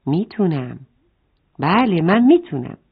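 A little young foal from a children's storybook, speaking with a lively, swooping voice, as a woman puts it on. The sound is thin and narrow, like it came over a phone line. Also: fairly low pitch, gravelly, slightly rough, exaggerated voice. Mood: resolved. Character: small young foal, sad then determined.

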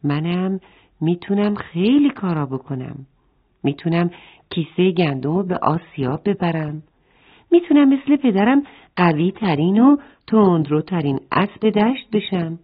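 A woman's voice: on the low side, animated, breathy edge. A woman voicing a small young foal in a children's storybook. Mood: resolved. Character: small young foal, sad then determined. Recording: phone-like narrow band.

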